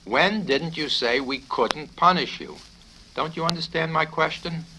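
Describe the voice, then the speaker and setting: A man reading a satirical novel, voicing a bullying, foul-mouthed military colonel who blusters and shouts his questions. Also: on the high side, a little slow, pitched above the performer's own voice, close to an everyday voice. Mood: badgering. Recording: noisy 1970s vinyl record with clicks.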